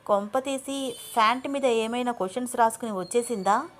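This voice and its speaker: A woman's voice: on the high side, fairly quick, close to an everyday voice. A woman voicing a cheerful young female student, speaking lightly and curiously.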